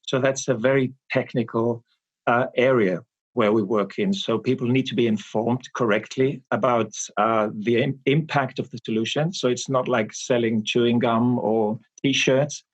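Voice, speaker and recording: A man in his forties, from Austria, answering interview questions about his marketing work in a measured, explanatory way with frequent pauses. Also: medium pitch, fairly even intonation, muffled recording. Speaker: guest, marketing expert. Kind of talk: interview conversation.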